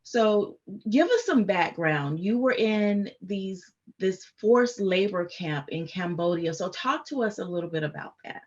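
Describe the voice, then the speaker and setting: A woman's voice: mid-range voice, lively intonation, measured pace, hardly any pauses, muffled recording. A woman from the United States hosting a podcast interview, affirming and encouraging her guest. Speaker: podcast host.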